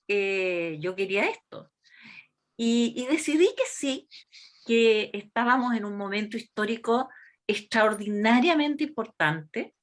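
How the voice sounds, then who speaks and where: A woman in her sixties with a Chilean accent, talking thoughtfully and at length as an interview guest. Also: a little high. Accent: Chilean Spanish. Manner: slow, thoughtful, measured. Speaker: interviewee, constitutional delegate. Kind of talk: reflective interview talk.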